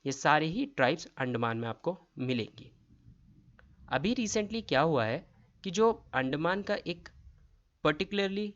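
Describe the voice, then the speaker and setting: A man's voice: fairly high pitch, a bit bright, lo-fi sound. Man teaching exam quiz questions. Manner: reads each question and its options aloud, then explains the answer. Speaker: quiz tutor. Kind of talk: exam-prep quiz lesson.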